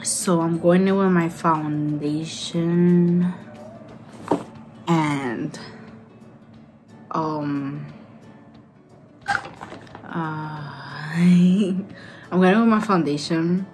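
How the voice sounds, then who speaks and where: A woman's voice: fairly low pitch, steady tone, drawn-out words, pauses often, over music. A tipsy woman vlogging a makeup tutorial in a loose, rambling way, her voice coming through with a half-robotic effect. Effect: half robotic, voice-changer sound. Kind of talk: casual chat to camera. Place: at home.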